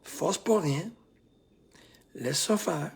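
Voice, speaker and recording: A Québécois man speaks to camera as a life coach giving a motivational talk, his voice very husky and breathy and pitched a little above most men's. Speaking very slowly in Québécois French, he punches key phrases out loud, then drops to a hushed, almost whispered calm.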